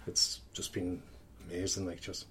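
Low-voiced man with strong Kerry accent. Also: monotone, moderate pace, a little hiss or hum. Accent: strong Kerry, west of Ireland. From County Kerry, Ireland. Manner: rambling, candid, peppered with "like". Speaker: podcast guest, sports coach. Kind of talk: casual podcast conversation.

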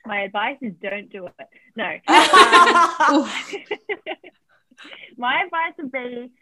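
A woman, an oral health therapist, answers interview questions chattily on a remote call, laughing easily and using lots of fillers. Her high voice is expressive and extremely slow, over a tinny, dry phone-line sound with heavy background noise.

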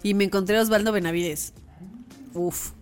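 A woman's voice: mid-range voice, fairly even intonation, normal speed, loud music behind the voice. Gushing woman with a Mexican accent. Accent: Mexican Spanish. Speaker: podcast co-host. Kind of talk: casual chat.

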